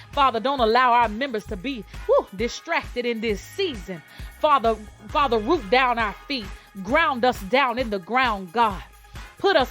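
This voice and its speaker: Brief: high-pitched woman gospel radio host, fervent praying, preacher-style repetition, faint music underneath. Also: a bit bright. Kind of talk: fervent live radio prayer and exhortation.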